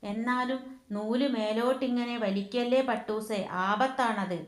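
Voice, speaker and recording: A woman's voice: fairly high pitch, steady tone, a little slow, reverberant, lightly acted. A woman voicing a worried, caring older sister calling her kite home. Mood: pleading. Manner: anxious, coaxing.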